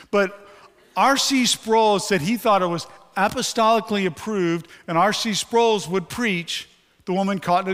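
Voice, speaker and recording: Weakened by a stroke, a male pastor still delivers his sermon with candor and humor, joking with his congregation. His voice is high and fairly bright, ringing with the long reverb of the church sanctuary.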